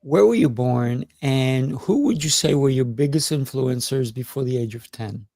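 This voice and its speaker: The clean studio recording, free of room sound, captures a middle-aged podcast host with a creaky mid-range voice at normal speed. In this conversational interview he's chatty and warm, encouraging with frequent affirmations.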